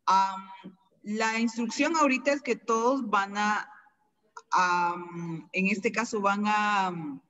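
A teacher with a Guatemalan accent gives a recorded lesson, patiently repeating each word slowly so the class can copy the pronunciation. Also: mid-range voice, sharp tone, in a large hall, dull audio. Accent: Guatemalan Spanish.

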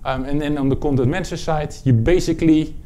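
Presenting a technical product at a conference, a Dutch man with a Dutch accent addresses an audience in a conference room. His voice is a little high, steady and dark in tone, though his speech is halting, with lots of fillers and restarts.

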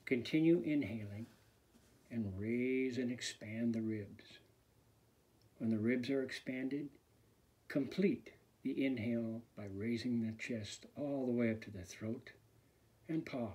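A fitness instructor guides a meditation in a medium-pitched, husky voice that is slow, soft and soothing, often dropping to a near whisper.

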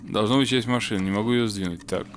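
A man's voice: fairly low pitch, quick pace, slight background noise. A man playing a puzzle game with a friend, chatting casually and muttering mild curses as he works things out. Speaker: let's play gamer. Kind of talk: casual co-op gameplay chat.

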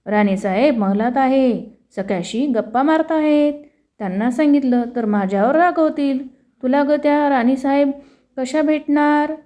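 A woman playing a shrill, bossy palace maid. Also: highs cut off. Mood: fretful, dismissive. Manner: rapid-fire questioning, high and sharp. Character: bossy young female palace maid, fussy.

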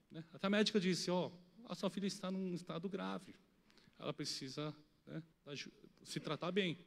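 A young man giving an emotional sermon testimony with a Brazilian Portuguese accent, pleading and swinging from shouted appeals to quiet storytelling. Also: sits high, big-room sound. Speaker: preacher.

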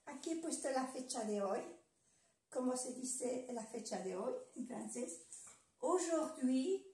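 A woman's voice: sits high, lively intonation, slow pace, dark tone, recorded from a distance. An older woman giving a language lesson, patiently repeating each word several times and spelling it out letter by letter. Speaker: language teacher. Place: home room with the air conditioning on. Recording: echoey room, voice from away from the mic. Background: dog panting.

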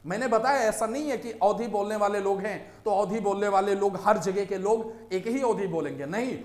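High-voiced male teacher, echoey room. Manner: explains step by step, often checks with "ठीक है". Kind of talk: exam-prep lecture.

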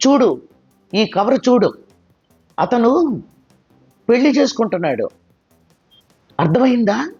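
A man voicing a bitter, wounded young wife who snaps and shouts, in a storybook reading. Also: sits high, expressive, unhurried, long pauses, breathy edge, full character voice. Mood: shouting. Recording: dull lo-fi with faint music.

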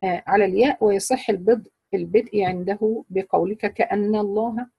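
A woman's voice: medium pitch, steady tone, brisk, gravelly, husky, dry recording, lo-fi sound. A woman with an Egyptian Arabic accent teaching Quran recitation rules to a class, explaining patiently and quizzing her students.

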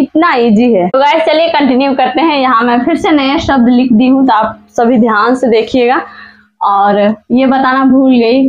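A woman hosting a casual whiteboard vocabulary lesson, reading out word pairs slowly and repeating each one with care. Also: high voice, lo-fi sound. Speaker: language teacher, channel host.

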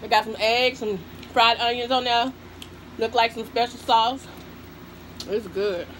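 A woman's voice: fairly high pitch, a little slow, a little hiss or hum, rough recording. A woman, hosting an eating show and chatting about the food with her mouth full. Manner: relaxed, chatty food commentary with murmurs of approval. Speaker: mukbang host. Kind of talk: casual chat while eating.

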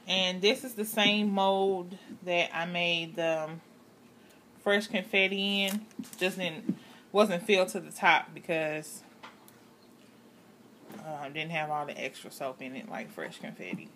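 Slow-talking woman, low-pitched, casual craft demo. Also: fairly bright tone. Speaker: host, handmade soap maker. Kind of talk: casual hands-on craft demonstration. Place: home kitchen or craft counter, indoors. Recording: clearly noisy home recording.

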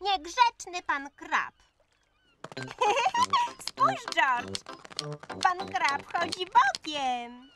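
A woman's voice: extremely high pitch, sing-song, drawn-out words, long pauses, noisy background, full character voice. An actress voicing a cheerful, bossy little girl piglet in a dubbed cartoon, with a chirpy child voice. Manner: bright, chirpy child voice with frequent giggles. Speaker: cartoon lead character. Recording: studio dub over loud cartoon music.

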